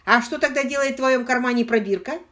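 A woman's voice: sits high, quick pace, a bit bright, voice pushed up. A woman doing an urgent, heated young man. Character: determined young man, wrongly accused.

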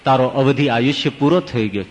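God of death, flat and matter-of-fact, voiced by a male preacher. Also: medium pitch, a little fast, big-room sound, a little hiss or hum, lightly acted, low-quality recording. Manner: flat, businesslike.

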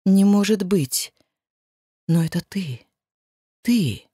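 Lady doing a shaky tearful noblewoman in a storybook, raised and loud, dry sound. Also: medium pitch, expressive, slow, husky, dry recording. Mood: anguished. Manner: trembling, pleading. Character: grieving noble woman, tearful and overwhelmed. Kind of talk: audiobook reading.

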